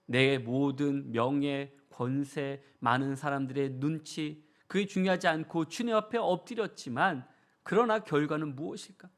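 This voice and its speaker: A pastor delivering a Sunday sermon, his voice sitting a little high for a man. He speaks earnestly and keeps asking his congregation rhetorical questions, dropping to a softer tone and then lifting into emphatic peaks. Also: measured pace. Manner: swings between soft and raised emphatic delivery. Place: church sanctuary.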